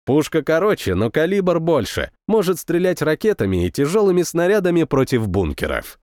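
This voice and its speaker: Male narrator, lively pitch, dry close sound. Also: moderate pace, no echo. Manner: matter-of-fact military storytelling. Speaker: audiobook narrator. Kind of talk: first-person audiobook narration.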